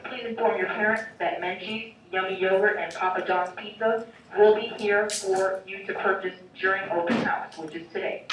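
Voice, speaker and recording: School intercom announcer, heard through a distant classroom speaker, steady list-reading delivery, very roomy sound. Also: mid-range voice. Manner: reads lists of names and bus numbers in a steady announcing tone. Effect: school intercom loudspeaker. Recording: echoey loudspeaker heard from far off with faint noise.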